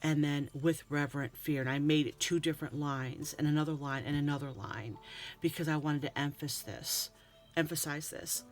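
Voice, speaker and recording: A woman's voice: deep voice, fairly even intonation, normal speed, faint music behind. A woman giving a casual tutorial on Bible journaling, reading verses aloud and often repeating words and restarting as she explains.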